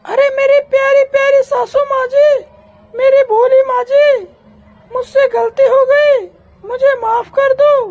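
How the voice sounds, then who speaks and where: Brief: a woman playing a squeaky cartoon daughter-in-law, very high and whiny, talking back at a slow drawl. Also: little pitch movement, muffled recording, soft background music, exaggerated voice. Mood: pleading. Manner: whining, backtalking. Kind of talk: cartoon comedy voice acting.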